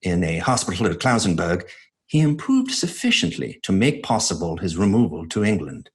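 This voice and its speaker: An actor playing an earnest male doctor who recounts his case records in measured, formal horror audio drama narration. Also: sits low, sing-song. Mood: sober, grave. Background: music.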